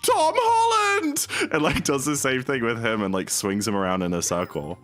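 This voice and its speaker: A male streamer with a very deep voice that still swings lively up and down as he rambles. He chats casually with his viewers mid-run, piling on fillers. Faint game music plays under him. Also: brisk. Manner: rambling, filler-heavy, chatty, reads and answers chat. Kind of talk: casual live-stream chat while speedrunning.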